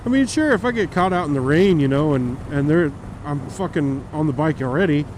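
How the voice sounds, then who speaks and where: A man's voice: on the high side, lively intonation, a little fast, a little mellow, rough recording. Rambling man talking from inside a motorcycle helmet. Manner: casual, rambling, profane. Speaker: motorcycle vlogger. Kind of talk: casual chat while riding. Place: inside a helmet, riding outdoors. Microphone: microphone taped to helmet. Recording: wind and engine noise, helmet mic.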